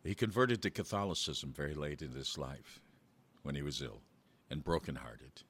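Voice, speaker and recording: Very deep-voiced man reading a story. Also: a bit bright, breathy edge. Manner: measured, slows down for verse. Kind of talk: reading a children's story aloud.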